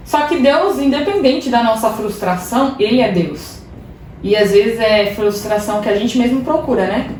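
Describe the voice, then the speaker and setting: A young adult woman, a podcast guest, telling a personal faith story in a lively, laughing, self-deprecating way. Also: fairly high pitch, moderate pace. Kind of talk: casual testimony storytelling. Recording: roomy echo, distant mic, faint hiss.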